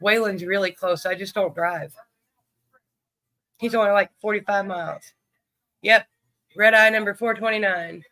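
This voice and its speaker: A man's voice: high-pitched, fairly even intonation, unhurried, pauses often, pushed and bright. A man hosting a livestream in casual chat, greeting viewers by name. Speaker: livestream host.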